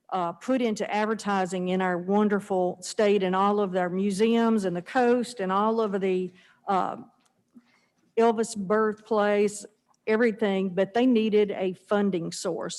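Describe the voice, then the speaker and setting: A woman's voice: medium pitch, darkish tone. A female legislator talking through a face mask, explaining a bill in a chatty, earnest way with some restarts. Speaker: state legislator presenting a bill. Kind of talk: formal committee testimony. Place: legislative committee room. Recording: reverberant hall.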